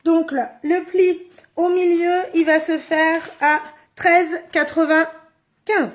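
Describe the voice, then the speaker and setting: High-voiced chatty woman crafting live. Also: flat delivery, slow. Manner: chatty, thinks aloud while working. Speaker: card-making demonstrator. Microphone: phone or camera on a stand.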